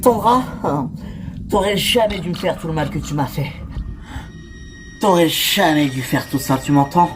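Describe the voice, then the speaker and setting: A woman's voice: deep voice, a little slow, long pauses, music in the background. A woman voicing a bitter, vengeful woman accusing someone, in a toy-figure soap drama. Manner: accusing, intense.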